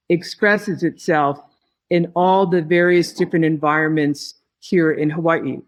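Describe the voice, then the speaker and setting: A woman who heads a tea company, giving slow, reflective interview answers with her phrases broken by pauses. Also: lowish voice. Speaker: tea company head, podcast guest.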